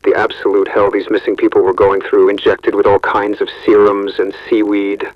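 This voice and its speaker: Man as disgusted investigator, low voice, dry dull recording, found-footage horror. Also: monotone, normal speed, dry recording, close to an everyday voice. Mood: grim, disgusted. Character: grim, disgusted male investigator logging his findings.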